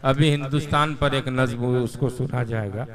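A man of middling pitch compères a live poetry evening, praising poets and lecturing the audience in a formal, declamatory way. He speaks into a stage microphone with a crowd clearly audible. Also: fairly even intonation, moderate pace. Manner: declamatory, addresses the audience directly. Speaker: compere.

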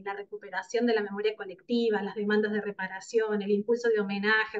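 A woman in her thirties with an Argentine accent from Córdoba, giving a formal seminar presentation from home over a video call, measured, with frequent "eh" pauses. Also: mid-range voice. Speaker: seminar speaker. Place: home room with plants, indoors. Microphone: laptop webcam on a video call. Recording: muffled video call audio.

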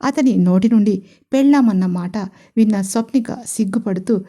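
Mellow-voiced woman narrating a story. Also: mid-range voice, moderate pace. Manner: calm, even storytelling. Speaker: writer and narrator.

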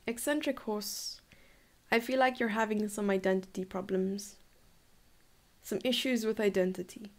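Chatty young woman, slightly gravelly voice. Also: mid-range voice, normal speed. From South Africa. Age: 20s. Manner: chatty, enthusiastic, laughs and muses aloud. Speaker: chess coach. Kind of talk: live-streamed chess lesson. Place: home room, indoors.

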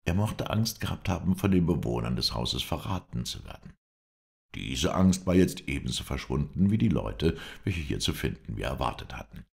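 A man narrates an old adventure novel in a very deep, gravelly voice. His pitch moves in a lively way as he tells the story and lifts it to voice the speakers. The reading is steady and measured. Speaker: audiobook narrator.

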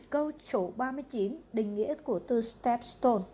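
Speaking a little high and slightly bright, this Vietnamese-accented English teacher goes over exam answers question after question at a brisk clip, factual and repetitive. There's some light background noise.

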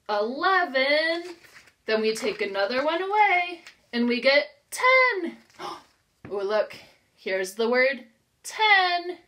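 A high, sharp-toned voice belongs to an American woman in her thirties who teaches preschool. She reads aloud and counts for young children, enunciating carefully in a simple, encouraging, instructional way.

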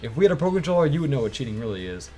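A young man chatting over a racing game stream, rambling and filling his sentences with "like." His pitch jumps around in a lively, animated way. Faint game music plays behind him. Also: very fast. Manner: rambling, heavy use of "like". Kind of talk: casual gaming banter.

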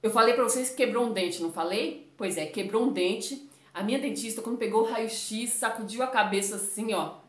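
A woman's voice: on the high side, a little fast, echoey room. A woman from Brazil talking casually to camera as a vlogger, chatty and addressing her viewers often, with a runny nose.

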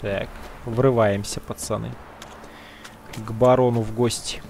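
Over background noise, a man with a medium-pitched, level voice and vocal fry offers casual let's play commentary. He addresses viewers as "guys" in slang, muttering to himself and musing in a drawn-out way.

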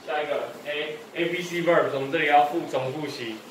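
Man, English teacher, repeats every sound twice, scolds inattention, slightly high voice, booming echoey room. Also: moderate pace. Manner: repetitive, drills each sound twice, scolds lapses in attention. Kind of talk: one-on-one phonics drill. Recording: very echoey room, voice far from mic, faint noise.

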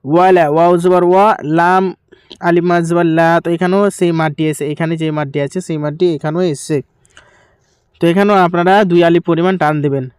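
High-voiced man teaching slow recitation. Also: fairly even intonation, smooth, dry recording, clean studio sound. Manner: spells out letters and vowel marks, then recites slowly with long drawn vowels. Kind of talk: step-by-step recitation lesson.

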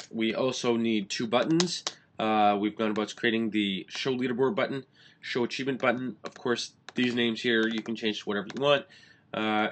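A young man hosting a screen-recorded coding tutorial, talking quickly with constant "uh" fillers. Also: on the low side, fairly bright tone, slight background noise. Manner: fast, filler-heavy explaining with many "uh"s. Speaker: app developer tutorial host.

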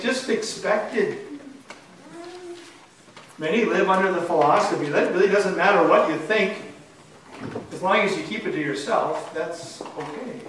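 A male pastor preaches with earnest emphasis, his voice sitting high for a man. The sound is echoey and heard from far back in a church sanctuary, with faint noise behind. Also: fairly bright tone. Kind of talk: sermon. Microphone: far camera.

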